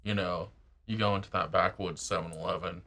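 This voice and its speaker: A man's voice: sits low, brisk. A young man from Tennessee, co-hosting a podcast in blunt, profane casual chat. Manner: blunt, profane, animated storyteller. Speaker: podcast co-host.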